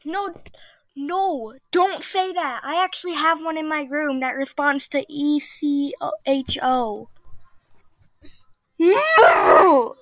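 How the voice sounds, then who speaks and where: A woman hosting a casual podcast and reading a spooky story aloud. She is chatty and excitable, and she often breaks into giggles. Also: high voice, slow. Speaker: podcast host.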